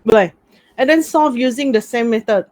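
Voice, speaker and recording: A woman's voice: on the high side, normal speed, darkish tone, no echo. A woman with a Malaysian accent teaching an informal online class as a lecturer, speaking colloquial Malaysian English mixed with Malay words and particles like lah. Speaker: university lecturer. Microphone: computer video-call mic.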